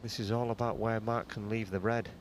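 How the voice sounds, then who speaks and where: Low-voiced man, hushed snooker commentary. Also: flat delivery, brisk, slight background noise. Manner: understated, conversational, analytical.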